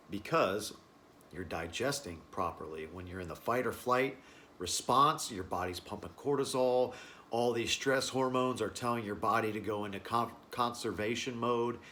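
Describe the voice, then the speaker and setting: A man teaching a wellness class informally, explaining in short phrases with halting pauses. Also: lowish voice, bright, forceful tone, slight background noise. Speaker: breathing and stress-relief class instructor.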